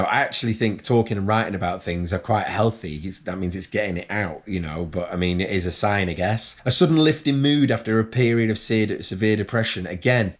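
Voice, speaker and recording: A young man speaking candidly in a personal vlog, earnest and rambling, correcting himself and adding wry asides. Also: fairly low pitch. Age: young adult. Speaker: mental health vlogger.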